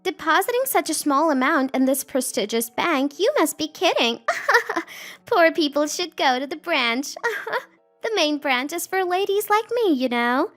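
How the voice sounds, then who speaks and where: A woman's voice: extremely high pitch, very animated, slow pace, a bit bright, soft background music, voice pushed up, heavily acted. A woman voicing an arrogant young female bank clerk who mocks and laughs crudely, in a story narration. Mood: smug mocking. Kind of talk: storytelling narration with acted quotes.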